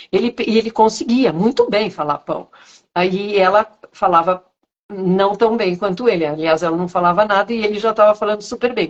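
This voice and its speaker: Animated storytelling woman guest. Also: medium pitch, lo-fi sound. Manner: lively storyteller with animated, shifting intonation. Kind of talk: casual video-call conversation.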